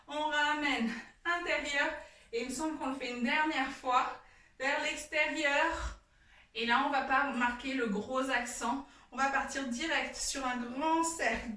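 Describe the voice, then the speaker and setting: A woman with a high voice leads a belly dance lesson, counting out beats and explaining each move as she demonstrates. She talks at an unhurried pace, with chatty asides between counts. Her voice sounds distant and bounces around a very echoey room. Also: bright, forceful tone. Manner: demonstrating moves while talking, counts aloud, chatty asides. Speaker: dance teacher.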